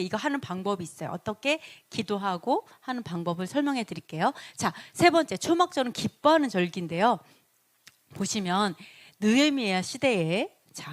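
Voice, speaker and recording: Woman, Bible teacher, fairly high voice, animated delivery, acts out quotes.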